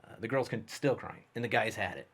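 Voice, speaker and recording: Low-pitched dude spinning a horror story on a podcast, animated. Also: male voice, brisk, breathy edge. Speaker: guest, special effects artist and filmmaker. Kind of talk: casual storytelling.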